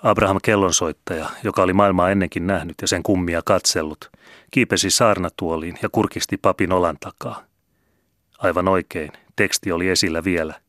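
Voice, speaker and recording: A man calmly reading a novel aloud as an audiobook narrator. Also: low voice, dry recording, studio quality. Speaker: audiobook reader. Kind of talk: scripted narration.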